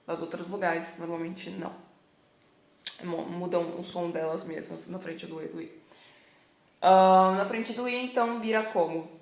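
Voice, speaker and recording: A woman's voice: fairly low pitch, steady tone, a little mellow, reverberant. A Brazilian woman with a Brazilian Portuguese accent teaching an online language lesson, repeating each sound several times. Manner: explains sounds slowly, repeating them many times. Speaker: Italian teacher. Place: lives in Italy.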